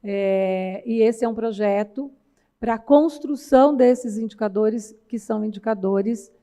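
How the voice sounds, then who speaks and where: A woman's voice: a little high, a little slow, mellow. Reflective woman with a caipira accent. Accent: caipira, interior São Paulo. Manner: reflective, winding sentences with frequent tag questions. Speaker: panel speaker. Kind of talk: academic conference talk. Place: large auditorium. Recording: long hall reverb.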